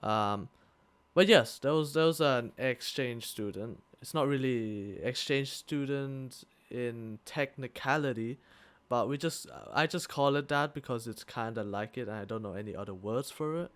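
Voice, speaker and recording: Speaking a little slowly at medium pitch, a young podcast co-host tells a story in a casual, rambling way. He swears often and fills his speech with fillers and restarts. He lives in Thailand and goes to school there, and the recording is dry.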